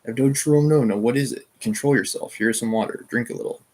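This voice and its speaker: A man's voice: medium pitch, fast, darkish tone, natural voice. A man reading the lines of a suave, scheming older nobleman who pleads insistently, in his own everyday voice. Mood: pleading.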